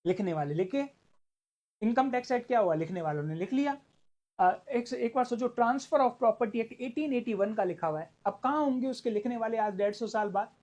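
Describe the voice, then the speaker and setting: A man teaching an online law class, animated, acting out small dialogues and stretching key words for emphasis. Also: very high voice, moderate pace. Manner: animated, acts out little dialogues. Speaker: law lecturer for exam prep.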